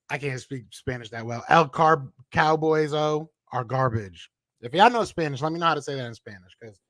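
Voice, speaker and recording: This podcast host, a man with a Philadelphia accent and a medium-pitched voice, runs a live sports show where he reads chat comments aloud and trash-talks in a casual, animated way. There's no echo.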